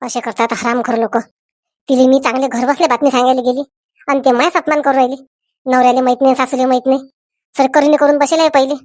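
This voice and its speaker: A woman plays a chatty, scolding village aunt in a cartoon. She talks on and on in a high voice. The sound is close and dry. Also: little pitch movement, quick pace, darkish tone, dry recording, natural voice. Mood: grumbling. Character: gossipy middle-aged village aunt, meddling. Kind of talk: cartoon voice acting.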